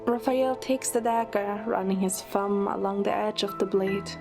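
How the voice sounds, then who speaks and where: A woman reads a scripted first-person dramatic narration as narrator and lead of a fan audio drama. Her mid-range voice has fairly even intonation at a normal speed, with loud music playing under it.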